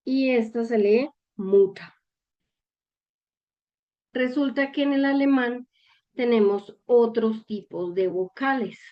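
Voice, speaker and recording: A woman teaches a language lesson at a very slow, deliberate pace, with patient explanations and frequent quick questions to her viewers. Her voice sits at a middle pitch, and the recording sounds a little dull and lo-fi. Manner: patient, checks in with short questions. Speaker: German teacher.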